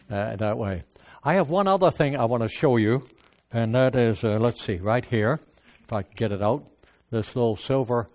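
Older Dutch man, native Dutch speaker, English with a Dutch accent; preaching personal testimony, halting, lots of restarts and fillers. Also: mid-range voice, a little mellow. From Netherlands.

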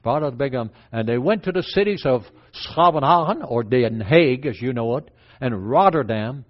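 An older man from the Netherlands with a Dutch accent, preaching a sermon and telling his life story in a plain, halting way with many fillers. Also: mid-range voice, animated. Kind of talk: sermon with personal testimony. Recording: dull lo-fi sound.

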